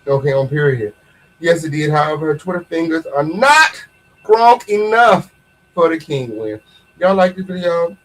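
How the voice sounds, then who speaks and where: An American man hosts a casual online gossip show in a voice pitched a little high for a man. His delivery is sassy and full of slang. He leans on repeated phrases to drive his points home. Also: animated, normal speed, poor audio. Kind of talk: casual livestream gossip commentary.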